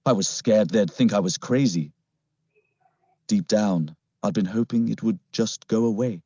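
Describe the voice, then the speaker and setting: A man narrating a first-person story in an expressive, dramatic reading. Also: lowish voice, measured pace, breathy edge, dry recording. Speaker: audiobook narrator. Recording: slightly muffled, dry.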